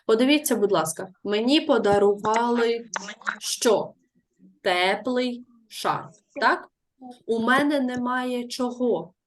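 A woman's voice: a little high, unhurried. Patient woman teacher quizzing her class. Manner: patient, repeats pupils' answers and asks guiding questions. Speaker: primary school teacher. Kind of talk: classroom grammar lesson. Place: classroom with pupils.

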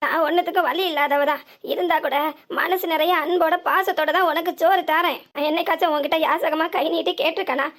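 A woman's voice: very high-pitched, fairly even intonation, brisk, fairly bright tone. A woman voicing a poor, proud old village woman with a southern Tamil Nadu accent, pleading and reproachful. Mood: hurt. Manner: pleading, self-pitying reproach.

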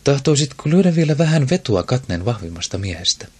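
A man's voice: mid-range voice, very animated, slightly rough, pitched above the performer's own voice. A man voicing a proud young queen who speaks in a light, mocking tone, in an audiobook. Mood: teasing.

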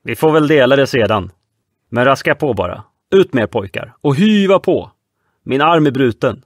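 A man's voice: mid-range voice, dry recording, clean studio sound, natural voice. A man voicing a wounded sloop captain barking orders at his crew in an audiobook. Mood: urgent commanding. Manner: commanding, shouted orders.

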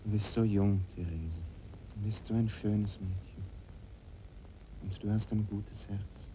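An actor playing a gentle, kind man. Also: lowish voice, steady tone, a little slow, a little hiss or hum, lightly acted, poor audio. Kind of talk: old film drama dialogue.

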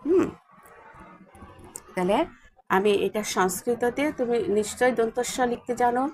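Slow, patient woman teaching Sanskrit. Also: a little high, darkish tone, a little hiss or hum. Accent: Bengali. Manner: slow, patient, spells words out letter by letter; asks the class checking questions. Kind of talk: classroom lesson at a whiteboard.

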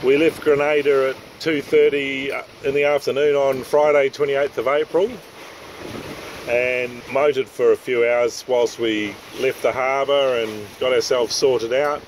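A middle-aged man hosting a sailing vlog, talking in a relaxed, matter-of-fact way with sailing terms, filmed in a boat's open cockpit at sea. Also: medium pitch, rough recording. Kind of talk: casual vlog narration. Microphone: handheld camera mic, wind on it. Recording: windy outdoor camera audio. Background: wind and water noise.

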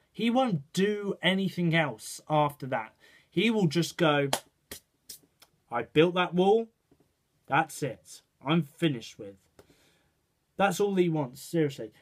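A man ranting his opinions to camera in a rambling way, checking in with "right" and "okay". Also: on the high side. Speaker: vlogger. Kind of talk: casual opinion rant to camera.

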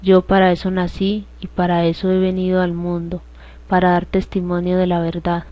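Brief: quiet man on trial, voiced by a woman reader, steady and flat. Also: lowish voice, normal speed, no echo, lightly acted. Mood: calm. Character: calm male prisoner speaking of his kingdom. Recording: dull lo-fi dry recording.

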